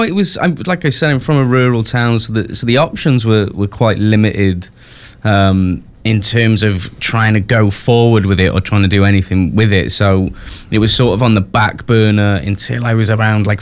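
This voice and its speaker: A man's voice: lowish voice, moderate pace, clear, resonant tone. A young Welsh man from West Wales, a musician guest on a radio show, talking casually with many restarts and fillers.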